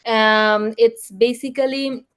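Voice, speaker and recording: A woman's voice: fairly high pitch, steady tone, smooth. Woman presenting her research. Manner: earnest, halting explanation. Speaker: invited speaker and researcher.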